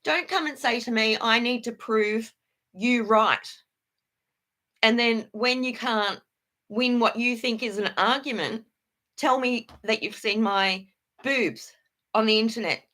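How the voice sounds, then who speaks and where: A woman's voice: a little high, measured pace, sharp tone. A woman chatting candidly on a livestream, rambling and blunt, swearing freely while she answers her chat.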